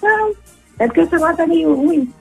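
A woman's voice: very high-pitched, animated, a little fast, gravelly, faint music behind. A woman caller from Laguna, Santa Catarina, heard through a bad, muffled cellphone line played over a studio speaker, giving short eager answers in a radio quiz. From Laguna, Santa Catarina, Brazil. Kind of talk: casual phone call into a radio show. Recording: distant muffled phone line.

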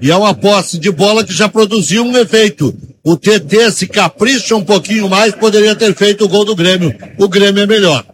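A man works as a radio football analyst. He comments on live play in a high-pitched voice. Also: moderate pace, fairly bright tone.

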